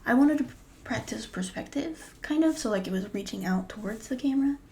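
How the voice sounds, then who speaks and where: A young woman casually chatting about her drawings, often dropping into a breathy half-whisper. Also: a little high, animated, brisk, dark tone. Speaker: artist vlogger. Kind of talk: casual vlog commentary.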